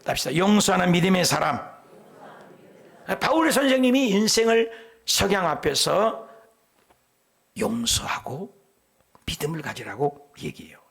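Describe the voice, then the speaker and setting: Man, middle-aged, pastor, gravelly, slightly high-pitched, sermon with whispered emphasis. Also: a little slow, long pauses. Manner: animated preaching, drops to whispers for emphasis; tells folksy jokes between scripture points.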